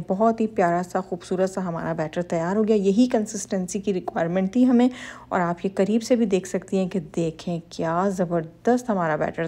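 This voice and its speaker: Directly addressing women viewers, a cooking channel host gives a baking lesson step by step in voice-over. Her medium-pitched voice is a little mellow, and she sounds instructive and reassuring.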